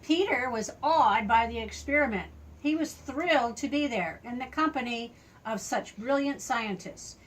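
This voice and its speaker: A grandmotherly older woman, her voice a little high and her pace normal, reads a children's story aloud. She offers a small child simple, expressive asides, captured on a rough recording.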